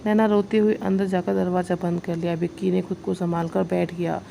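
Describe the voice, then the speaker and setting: A woman narrating a story aloud with a plain, steady reading and small slips. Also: lowish voice, brisk, gravelly, a little hiss or hum.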